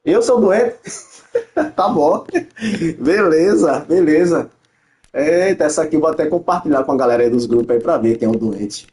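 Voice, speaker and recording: A man's voice: on the high side, normal speed, pauses often, darkish tone. A young man, a gaming streamer bantering on a live stream, teasing and mocking with frequent laughs. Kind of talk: livestream banter while playing. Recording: roomy echo.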